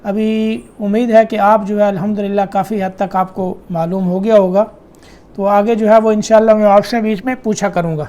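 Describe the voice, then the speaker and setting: A middle-aged man teaching Quran recitation, correcting students with brisk explanations and quick questions. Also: sits high, flat delivery, mellow. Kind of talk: tajweed lesson correcting students.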